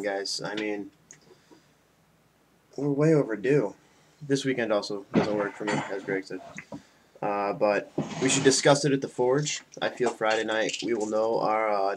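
A man in his twenties, tipsy from beer, rambling casually and loosely to his friends in a homemade webcam vlog. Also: fairly low pitch. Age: 20s. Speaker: video blogger. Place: small indoor room at home. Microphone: webcam mic at about arm's length. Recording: faint noise on webcam audio.

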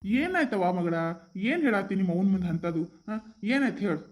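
A calm village father in a cartoon, soothing and reasonable in a North Karnataka Kannada accent, as a performer puts him on. His voice sits mid-range. Echo rings around him. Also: medium pitch, fairly quick, voice pushed down, close to an everyday voice. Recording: roomy echo.

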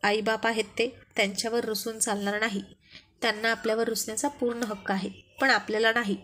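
A woman's voice: a little high, fairly even intonation, brisk, a bit bright, slight background noise, lightly acted. Woman reading as a teasing young husband. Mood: earnest. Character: teasing young married man, a close friend.

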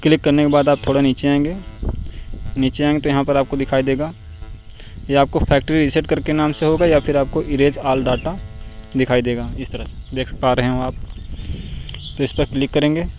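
A man's voice: mid-range voice, flat delivery, moderate pace, long pauses, a little mellow. A man hosting a phone tutorial, explaining each step steadily and checking in with "theek hai" as he goes. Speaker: tech tutorial host. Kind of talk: screen-recorded phone tutorial. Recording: dull lo-fi voice-over with faint noise.

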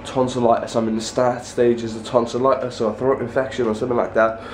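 At a medium pitch and a flat delivery, this young adult vlogger talks fast and rambles in loose run-on sentences, sounding stuffed up and sore-throated. He's filming handheld at arm's length in small rooms of his house, with slight background noise.

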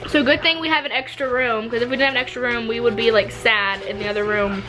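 A woman's voice: on the high side, fairly even intonation, fast talker, over music. A young woman vlogging casually from a vacation condo, chatting with lots of "like" fillers into a handheld camera. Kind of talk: casual vlog chat. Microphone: handheld camera held close. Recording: noisy handheld camera audio.

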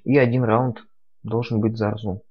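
A man's voice: fairly low pitch, little pitch movement, moderate pace, husky, dull audio. A man giving casual live commentary on a fighting game, talking in a conversational, analytical way. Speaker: esports commentator. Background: game music.

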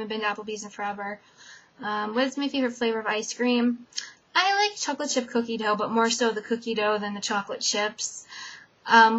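A young woman from Connecticut, USA, a vlogger with a fairly high voice, chats casually into a webcam in a dim bedroom as she works through a tag video's list of personal questions. She rambles, fills gaps with frequent "um"s, and lets her sentences trail off softly. The audio is muffled and lo-fi.

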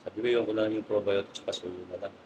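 A man guest telling animated, laughing anecdotes in a casual interview, polite and respectful to his host. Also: fairly low pitch, fast, background noise. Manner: polite, says "po" and "sir". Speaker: guest pigeon racer.

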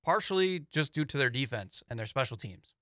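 Co-hosting a laid-back sports talk show, a young man rambles easily with fillers, his medium-pitched voice expressive, a little fast, bright, and forceful. He's on a boom studio mic with headphones in a small, foam-paneled studio with no echo.

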